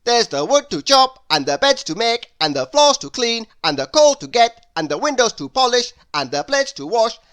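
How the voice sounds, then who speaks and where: A woman puts on a bossy, busy man from a children's storybook. The voice is raised and loud. Each order is brisk, emphatic and insistent. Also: on the high side, sing-song, voice pushed up. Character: bossy, busy man barking out endless chores.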